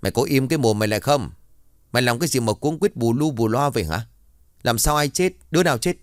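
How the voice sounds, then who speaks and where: A greedy, hot-tempered old landlord, as a man voices him, barking orders loud and high, words rushing out in fury. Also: animated, dry recording, clean studio sound, close to an everyday voice. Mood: angry. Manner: barking, scolding.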